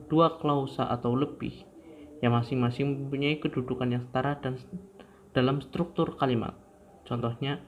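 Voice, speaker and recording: A man's voice: mid-range voice, highs cut off. A young man reads a grammar lesson aloud in a class presentation, in a plain mid-range voice. He reads steadily from notes, tripping over words and restarting them. A faint hiss of noise sits under the recording. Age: young adult. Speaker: student presenter.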